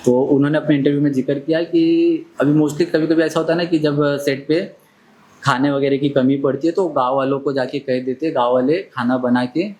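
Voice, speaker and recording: A man hosting the interview, asking long, rambling questions in a relaxed, casual way. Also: fairly high pitch, normal speed. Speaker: interviewer host.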